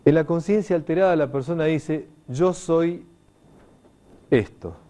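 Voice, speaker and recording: A man's voice: fairly high pitch, a little slow. A middle-aged man, giving an emphatic spoken lecture to an audience and acting out the quoted voices. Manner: warm, emphatic, animated teaching delivery with quoted voices. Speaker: lecturer on consciousness.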